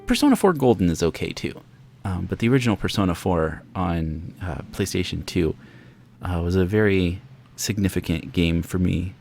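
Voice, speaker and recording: A man's voice: sits low, expressive, normal speed, creaky, darkish tone. A man giving casual gameplay commentary as the host of a let's play. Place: indoors, game music behind the voice.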